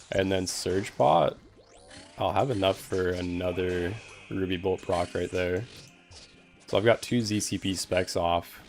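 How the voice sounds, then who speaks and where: A young Canadian man streams a game, giving easygoing, casual commentary full of "like" fillers and answering questions from chat. His voice is low-pitched with vocal fry.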